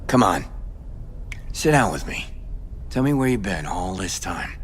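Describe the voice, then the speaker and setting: A man playing a jaded, foul-mouthed aging rock musician in a video game, gruff and theatrical. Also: deep voice, very animated, measured pace, a little hiss or hum. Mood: guarded, sardonic.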